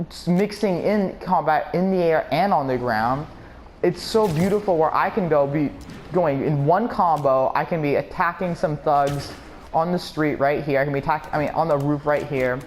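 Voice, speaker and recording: A man giving excited, rambling commentary while playing a video game, often restarting sentences and laughing. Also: fairly high pitch, a little hiss or hum. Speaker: gaming YouTuber. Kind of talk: gameplay commentary.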